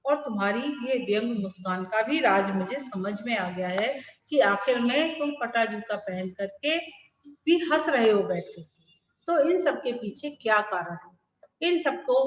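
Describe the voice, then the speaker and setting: A woman's voice: mid-range voice, lo-fi sound. A woman teacher explaining a Hindi lesson over a video call, asking rhetorical questions and restating each point. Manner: rhetorical, repeats and rephrases lines while explaining. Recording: echoey room with long reverb.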